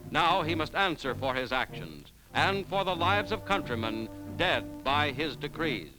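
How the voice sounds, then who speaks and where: A male narrator in classic old newsreel style, pitched fairly high and swinging animatedly through formal, emphatic phrases. Music runs clearly behind his scripted delivery on a vintage soundtrack. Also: very animated, unhurried, rough recording.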